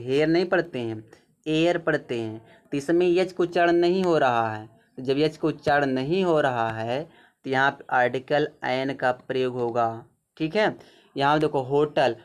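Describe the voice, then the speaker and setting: A man giving a grammar lesson, explaining patiently, repeating each point and checking in with short confirmations. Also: fairly high pitch. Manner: patient, repetitive explaining with frequent "theek hai". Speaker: teacher. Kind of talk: grammar lesson over a zoomed screen.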